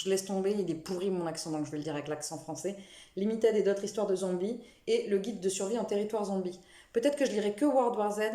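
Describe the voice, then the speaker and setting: A woman's voice: mid-range voice, mellow, echoey room. A young adult woman chatting casually about her books to camera, self-mocking and full of restarts. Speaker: book vlogger.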